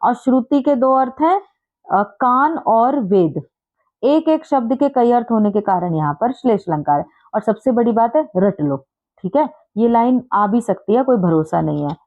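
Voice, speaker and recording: A woman teaching an exam-prep lesson in a casual way, reading verse lines slowly and explaining them patiently while checking that listeners follow. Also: fairly high pitch, expressive. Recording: tinny phone-like audio.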